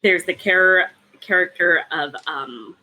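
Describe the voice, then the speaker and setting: On a casual book discussion podcast, a woman co-host builds a long, careful, analytical argument, full of ums and restarts. Her voice is on the low side, slow, pushed and bright, and the recording is rough.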